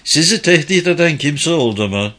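A man's voice: a little high, lively intonation, normal speed, bright, forceful tone, voice pushed up. A male reader playing a serious female police officer who questions a witness steadily in an audiobook.

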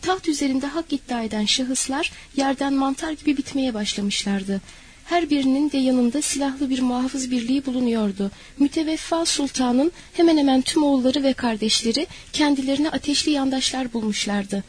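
Audiobook narrator, woman, high husky voice, measured dramatic reading. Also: rough recording. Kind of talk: audiobook narration of a historical novel.

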